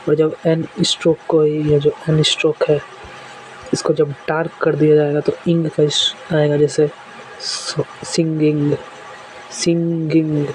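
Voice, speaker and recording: A man's voice: on the high side, monotone, a little slow, a little mellow, a little hiss or hum, rough recording. A man teaching a shorthand class, patiently walking through examples and repeating them step by step. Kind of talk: classroom lesson explaining strokes.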